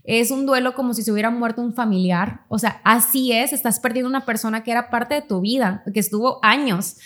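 A young woman talks casually on a podcast, with a fairly high voice. She tells a personal story and jumps into quick, lighter voices when she acts out what people said. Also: a bit bright. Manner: storytelling, acts out quoted dialogue in quick higher tones. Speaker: podcast co-host. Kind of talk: casual chat.

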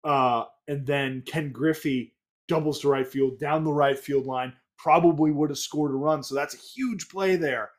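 Chatty Boston-accented podcast host. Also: male voice, fairly high pitch, moderate pace. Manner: chatty, enthusiastic, frequent fillers and restarts. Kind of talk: casual baseball recap podcast.

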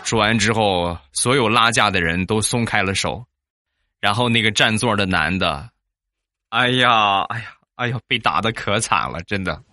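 A man telling funny stories about married life, acting out the quoted people in sudden high bursts. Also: moderate pace, noisy background. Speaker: joke-telling host. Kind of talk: comic storytelling.

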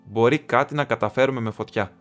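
A stubborn, loyal male hobbit servant with a fierce, gruff edge, as a man reading aloud voices him. He talks with blunt determination. Faint music plays beneath. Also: mid-range voice, a bit bright, lightly acted. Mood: eager. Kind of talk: audiobook reading.

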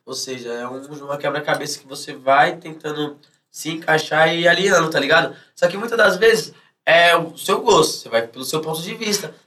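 Male guest, São Paulo accent, street-slang chat, slightly raised pitch, a touch off-mic. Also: brisk, sharp tone, far from the mic. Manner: heavy street slang, acts out imagined reactions. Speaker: music artist, interview guest. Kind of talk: casual chat.

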